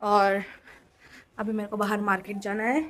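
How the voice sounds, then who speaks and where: A woman's voice: medium pitch, flat delivery, moderate pace, heavy background noise. A woman vlogging her day in casual chat, talking straight to her viewers and getting emphatic when she rants. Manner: chatty, talks straight to viewers; heated and emphatic when ranting. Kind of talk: casual daily vlog chat.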